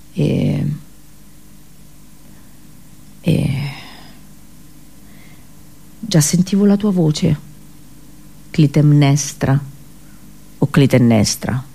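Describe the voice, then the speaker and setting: Cast as a captive Trojan prophetess and princess, this actress delivers a grave, sorrowful radio theatre monologue in lofty, declamatory language. Her mid-range female voice is creaky and dark in tone, and the mood feels resigned and mournful.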